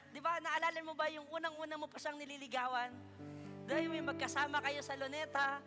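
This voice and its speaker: Man, Filipino accent, pastor, high voice, lively sermon, music behind. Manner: lively preaching with playful asides to the congregation. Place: church hall.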